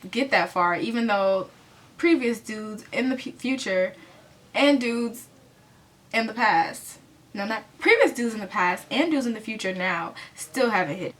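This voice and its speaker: A woman's voice: mid-range voice, a bit bright. Chatty young woman rambling a story. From United States. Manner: chatty, rambling, with many fillers and self-corrections. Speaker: vlogger telling a storytime. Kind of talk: casual storytelling.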